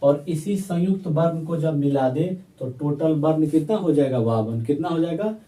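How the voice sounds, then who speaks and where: Teacher guy, quizzing and answering himself, slightly high voice, far off the mic. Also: normal speed, dark tone. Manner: asks questions and answers them himself, drilling. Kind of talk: classroom grammar lesson. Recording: echoey room, voice from off-mic.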